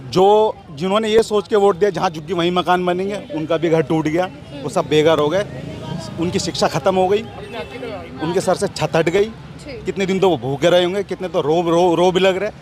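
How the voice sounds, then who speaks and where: A man's voice: high voice, normal speed, darkish tone. A man stopped on the street, complaining angrily and repeating his points. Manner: angry, repetitive complaints. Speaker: passer-by interviewee.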